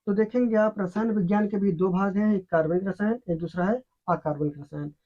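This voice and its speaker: This is a teacher giving a science lesson at a middle pitch. The teacher asks the class a question, pauses, then answers it and repeats the key word. The recording is dull and lo-fi.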